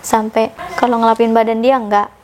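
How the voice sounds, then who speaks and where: A woman's voice: a little fast, a little hiss or hum. A young woman, telling her story casually as a podcast guest and acting out the dialogue she quotes. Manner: animated, acts out quoted dialogue with sudden pitch jumps.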